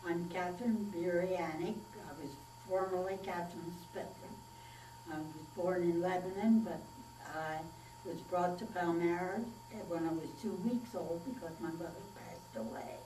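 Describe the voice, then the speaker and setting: A woman's voice: lowish voice, fairly even intonation. Elderly woman reminiscing, distant and echoey. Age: 90s. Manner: unhurried, plainspoken storytelling with pauses and fillers. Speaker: interviewee. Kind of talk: oral history interview, reminiscing. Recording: echoey room, distant mic, faint mains hum.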